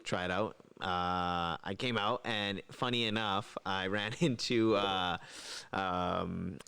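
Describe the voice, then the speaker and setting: Guy on a podcast, kinda low but bright and crisp, lots of uhs and you-knows. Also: steady tone, takes it slowly. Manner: rambling, hesitant, many fillers. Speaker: podcast co-host. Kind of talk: casual chat.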